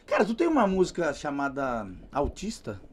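High-voiced Brazilian host, slangy. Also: male voice, wildly swooping pitch, normal speed, a little hiss or hum. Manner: slangy, profane, enthusiastic. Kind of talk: casual podcast chat.

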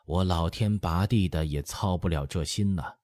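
A man voicing an eighty-year-old empress dowager who gently lectures her son in an audiobook. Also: low-pitched, no room sound, studio quality, natural voice. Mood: motherly. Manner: soothing, lecturing, drawn-out chatty. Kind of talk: audiobook character voice.

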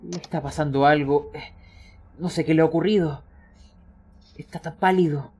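A man voicing a shaken female nurse who speaks softly and stammers. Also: fairly high pitch, steady tone, normal speed, breathy edge. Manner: stammering, soft.

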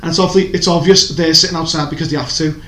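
Racing along in a fairly high, slightly bright voice with fairly even intonation, this man co-hosts a podcast where he casually reviews TV shows. He's opinionated and rambling, frequently restarting his sentences. Faint background noise and an echoey room color the audio.

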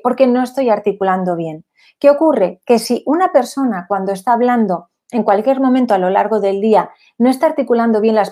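A woman's voice: mid-range voice, a little mellow. A woman teaching a lesson on the qualities of the voice, explaining with everyday examples and asking herself questions before answering them. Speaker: voice coach. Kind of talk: online lesson on voice and persuasion.

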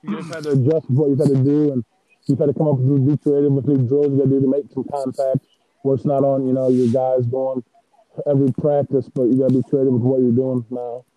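A man's voice: medium pitch, level tone, fast talker, mellow, no echo. A man, a coach, talking sports in a plainspoken, easygoing way, his voice muffled as if heard through a wall. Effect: muffled sound, as if through a wall. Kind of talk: casual sports chat.

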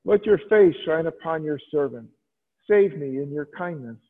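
A man leading Mass as a priest, reciting prayers and scripture in a measured, solemn way. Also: fairly high pitch, lively intonation. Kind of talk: liturgical prayers and scripture reading. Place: church. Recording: tinny radio broadcast in a long-reverb church.

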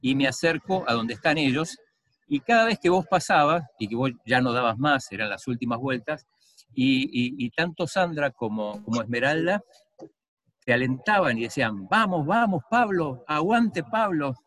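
A man's voice: medium pitch, expressive, normal speed, a bit bright. Chatty man telling an interview anecdote. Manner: chatty, many fillers and restarts. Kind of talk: casual interview storytelling.

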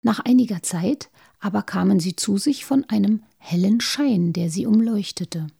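A woman reading a children's story aloud, expressive and sometimes dropping to a whisper. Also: mid-range voice, normal speed, vocal fry, slightly rough.

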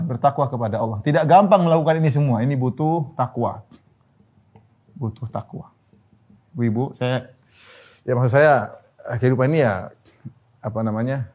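A man preaching a sermon. He tells jokes and laughs, drawls Arabic phrases slowly, and pushes his voice high and loud when he urges his listeners. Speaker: Islamic preacher.

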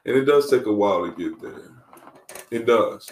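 A man in his twenties, a wellness coach guest, speaking in a measured, reflective way and repeating key phrases for emphasis. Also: fairly low pitch, lively intonation. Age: 20s. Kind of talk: reflective interview talk. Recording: roomy sound, distant from the mic.

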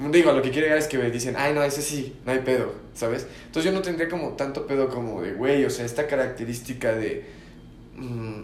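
Man, young adult, mexican accent, casual slangy chat, echoey room, faint noise. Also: mid-range voice. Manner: slangy, says "güey" constantly.

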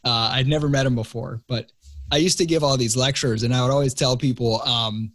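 A man's voice: medium pitch, steady tone, brisk, fairly bright tone, no echo. A man guesting on a podcast, telling a story and teasing his hosts in a playful, casual way.

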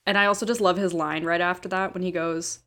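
A woman's voice: lowish voice, fairly even intonation, fast talker, sharp tone. A woman co-hosting a casual film podcast, chatting loosely with many "like" fillers. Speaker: podcast co-host.

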